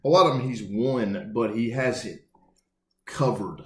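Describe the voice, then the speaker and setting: Animated male sports talk co-host; mid-range voice, echoey room. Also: mid-range voice, unhurried. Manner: animated, mock-announcer asides. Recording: roomy echo.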